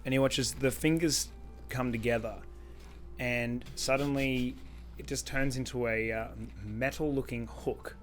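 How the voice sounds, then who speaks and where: A man narrates as game master for a tabletop game, describing what the players see and feel. His pitch sits in the middle, and he often breaks into giggles. Music plays behind him. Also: steady tone, unhurried.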